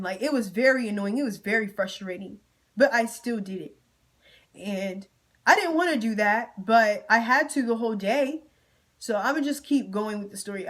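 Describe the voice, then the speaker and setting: A young woman with a mid-range, slightly bright voice vents in a storytime vlog, speaking directly to her viewers in casual slang. At times she gets emotional, nearly crying.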